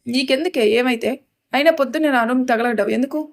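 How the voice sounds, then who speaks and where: Woman reading impatient scolding husband, audio storybook, fairly high-pitched. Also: quick pace. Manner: gruff, scolding, impatient orders. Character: brusque young husband, curt and scolding.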